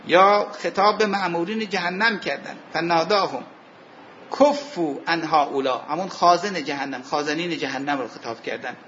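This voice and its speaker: Guy teaching religious grammar class, quizzes the room, highish voice, bit of hiss on a muffled recording. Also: sharp tone. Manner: explanatory, poses questions to students and answers them; recites Arabic verses slowly. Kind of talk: seminary lecture on Arabic grammar and scripture.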